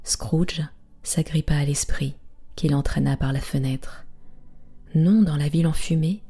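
Hushed woman, whispered bedtime storytelling. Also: sits low, steady tone, a little slow, husky, faint music behind. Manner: hushed, soft-spoken.

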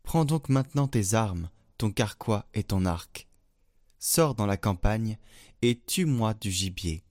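Frail old blind patriarch, read by a man, deliberate and low-pitched. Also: lively intonation, darkish tone, no echo. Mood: solemn. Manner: slow, measured reading. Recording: dry, faint music behind.

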